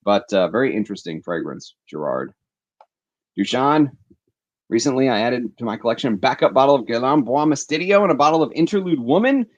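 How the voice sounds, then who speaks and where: A man's voice: medium pitch, lively intonation, a little fast, highs cut off. A man hosting a casual livestream, chatting with enthusiasm and reading viewer comments aloud on a headset mic. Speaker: fragrance livestream host.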